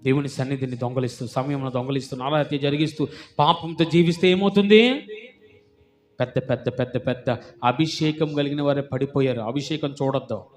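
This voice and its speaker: A man's voice: mid-range voice, a little fast, faint music behind. A man preaching a sermon as pastor, fervent and emphatic, firing rhetorical questions at the congregation and repeating words for emphasis.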